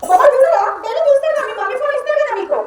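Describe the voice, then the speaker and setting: A woman's voice: very high voice, expressive, very fast. A woman teacher, coaxing young children with repeated questions in a school classroom. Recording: echoey room, mic far off, faint noise.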